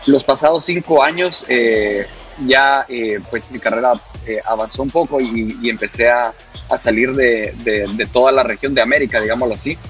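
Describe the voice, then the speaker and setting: A man's voice: medium pitch, normal speed, fairly bright tone, soft background music. A man from Guatemala, a guest DJ and producer, upbeat and talking in long rambling runs in a radio interview. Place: radio studio.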